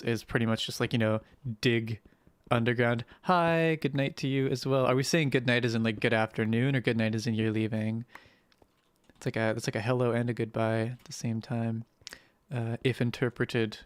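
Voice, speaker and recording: A young adult game streamer talks in a rough, hoarse voice held soft and careful. The chat rambles, swears often and keeps turning to greet viewers mid-play. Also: mid-range voice, dry recording. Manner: speaks gently to spare the voice. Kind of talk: casual live-stream gameplay commentary.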